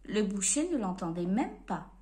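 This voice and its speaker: A woman reading a storybook aloud to children in an expressive, playful way. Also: medium pitch, normal speed.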